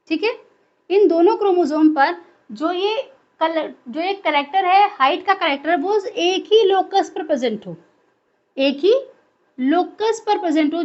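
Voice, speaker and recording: A woman's voice: very high-pitched, muffled recording. A woman teaching a biology class in a lecture style, asking questions and answering them herself.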